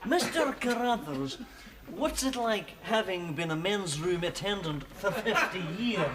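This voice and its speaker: An actor playing a stiff, mock-formal TV street reporter with an odd put-on accent, interviewing a guest. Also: male voice, high-pitched, animated, a little slow, heavy background noise. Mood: mock-earnest. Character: pompous male TV street reporter.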